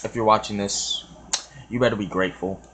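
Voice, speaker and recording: A man's voice: lowish voice, steady tone, a little fast, heavy background noise. A young man rambling hesitantly in a casual reaction commentary, with many fillers and restarts. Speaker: reaction video host.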